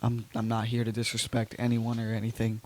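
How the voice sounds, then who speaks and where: A man's voice: medium pitch, completely flat delivery, a little fast, slight background noise. Hesitant young man in casual chat. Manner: hesitant, lots of fillers. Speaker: podcast co-host.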